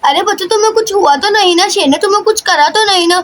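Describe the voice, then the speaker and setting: Figure: a woman doing a brisk young mother. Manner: quick, urgent. Pitch: high. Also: a bit bright. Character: brave busy young mother. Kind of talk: doll story character voice.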